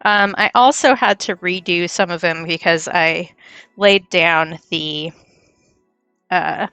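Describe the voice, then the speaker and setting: A woman's voice: lowish voice, slow pace, bright, forceful tone, clear, resonant tone, no room sound. A young woman chatting casually on a livestream while she draws, rambling and stumbling over her words with self-deprecating asides. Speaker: streamer.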